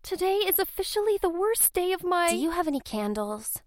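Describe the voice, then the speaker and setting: A man voicing anxious teenage girls in a spooky storybook, raising his voice high and sounding worried. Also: big pitch swings, brisk, no room sound, clean studio sound.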